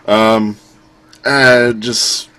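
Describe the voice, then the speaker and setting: A man with a low voice chatting on a casual music podcast. He gets animated and laughs often, mimicking sounds as he talks. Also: very slow, smooth. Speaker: podcast co-host. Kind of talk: casual chat.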